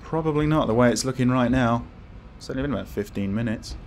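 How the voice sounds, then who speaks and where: A man's voice: medium pitch, quick pace, a little hiss or hum. A man giving casual let's play commentary as a scared, jumpy horror game streamer who exclaims and swears. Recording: music behind the voice.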